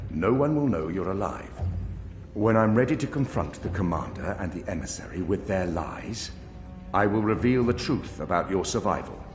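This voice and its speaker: An actor playing a stern, proud general in a video game, speaking in a grave, formal, commanding way. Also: male voice, deep voice. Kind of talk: dramatic video game acting. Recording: reverberant hall with music.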